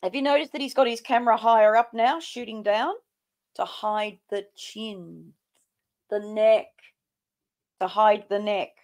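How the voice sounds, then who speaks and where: A woman's voice: mid-range voice, steady tone, a little slow, long pauses, a little mellow. A woman giving sarcastic reaction commentary, with a mocking, scolding way of talking. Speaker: host of a reaction show.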